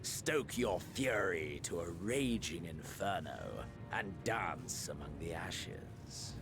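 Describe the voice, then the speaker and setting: An actor playing a brooding, bloodthirsty male game villain with slow, theatrical menace. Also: low voice, expressive, full character voice. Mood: cold menace. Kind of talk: dramatic video game voice acting. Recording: music under the voice.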